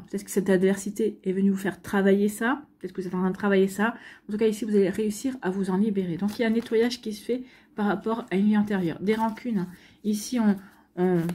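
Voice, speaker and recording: A woman giving an intuitive card reading, speaking to the listener in a gentle, reassuring, guiding manner with a slightly husky voice. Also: mid-range voice. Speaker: tarot card reader.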